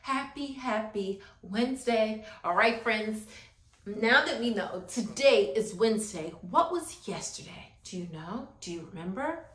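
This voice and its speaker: Young female preschool teacher, earnest upbeat lesson delivery, unhurried sing-song pacing, roomy indoor sound. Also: on the high side, expressive, fairly bright tone. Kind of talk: upbeat children's lesson to camera. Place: small room set up as a classroom, indoors.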